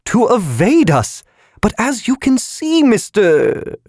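A man voicing a nagging, scolding creditor balloon in a high squealing pitch. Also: wildly swooping pitch, slow pace, a little mellow, dry recording, clean studio sound, exaggerated voice. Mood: accusing. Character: shrill nagging creditor balloon, genderless thing.

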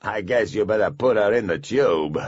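A man voicing a grumpy, belligerent male dwarf engineer who talks in a stubborn, gruff, drawn-out way. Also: lowish voice, animated, no room sound, highs cut off.

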